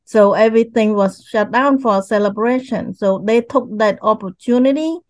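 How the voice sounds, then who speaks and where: An older woman from Cambodia with a Cambodian accent, slowly and haltingly telling her life story as a guest over a video call. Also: a little high, darkish tone, dry recording, rough recording. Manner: slow, halting, repeats words.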